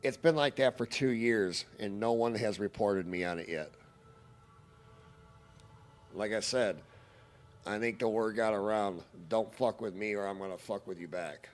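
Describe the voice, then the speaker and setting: A man's voice: lowish voice, measured pace, long pauses. A man telling a story on a stream in a casual, heated, profane ranting manner.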